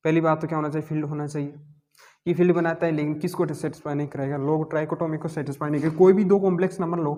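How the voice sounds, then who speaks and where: A man's voice: a little high, steady tone, fast, a little mellow. A male math teacher, giving a classroom lecture and constantly asking and answering his own questions. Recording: long hall reverb.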